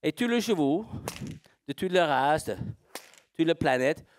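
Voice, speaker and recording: A man's voice: fairly high pitch, expressive, a little slow, a little hiss or hum. Man teaching in French. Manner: plain, slightly broken French with rhetorical questions he answers himself. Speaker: horse trainer giving a demonstration. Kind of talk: live seminar demonstration talk.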